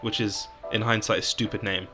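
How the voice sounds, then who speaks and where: A UK man co-hosting a casual podcast about tabletop games rambles through stories about his old game characters, saying "um" often. His lowish voice moves little in pitch and runs fairly quick, with music playing underneath.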